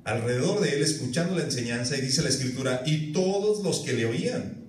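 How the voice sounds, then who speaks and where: A man, preaching a sermon as pastor, telling lively stories and acting out voices. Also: mid-range voice, brisk, slight background noise. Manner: animated storytelling with acted-out voices. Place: church hall. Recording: echoey church room, mic at a distance.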